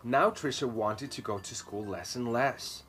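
Reading a children's story with dramatic, emphatic phrasing, a man in his thirties sits outside on a garden patio. His mid-range voice is a bit bright and moves a little slowly. Ambient noise comes through clearly behind his voice.

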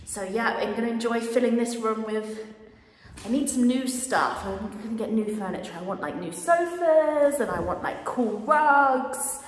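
Vlogger, woman, 30s: lively, animated delivery, playful tour-guide banter, phone audio bouncing off bare walls. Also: on the high side, normal speed. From England. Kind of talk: casual house-tour vlog. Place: empty house with bare rooms and wood floors. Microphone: phone held at arm's length and on a tripod. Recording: echoey empty rooms, noticeable noise.

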